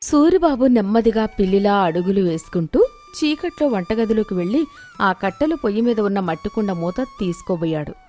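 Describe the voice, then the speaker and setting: A woman narrating a scripted children's moral story in a steady, clear storytelling voice. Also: mid-range voice.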